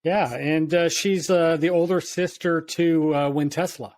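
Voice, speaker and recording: A man's voice: on the high side, steady tone, unhurried, a little mellow. A man co-hosting a tabletop game podcast, chatting casually and chiming in to agree. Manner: agreeable, brief interjections. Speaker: podcast co-host. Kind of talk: casual chat.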